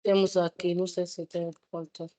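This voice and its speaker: Speaking at normal speed in a lowish, level, warm voice, a woman from Switzerland in her thirties presents a project at a panel debate. Portuguese isn't her native language, and her speech is full of fillers and false starts.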